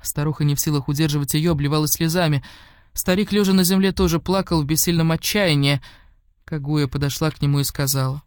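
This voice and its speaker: A woman reading an audiobook of a fairy tale in a measured, expressive storytelling manner. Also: sits low, no echo, studio quality. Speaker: audiobook narrator. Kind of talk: scripted narration of a fairy tale.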